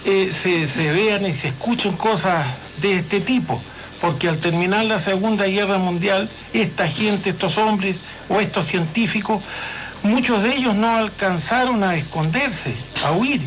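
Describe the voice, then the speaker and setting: A man being interviewed as a guest on a radio show, explaining things in a measured way. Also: high-pitched, a bit bright, slight background noise. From Chile.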